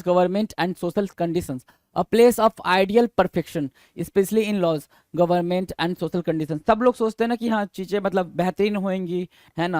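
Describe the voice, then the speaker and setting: A man with a high voice teaching English vocabulary in an exam-prep lesson. He reads definitions slowly, explains them, and drills the answers, firing questions back at the listener and spelling each word letter by letter. The recording is dry and close, with no room sound. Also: dry recording. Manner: quizzes students with repeated questions, spells words letter by letter.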